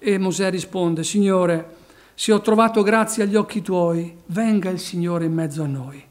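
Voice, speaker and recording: A man from Italy preaching a sermon, rising loud on key phrases and then dropping low. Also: moderate pace.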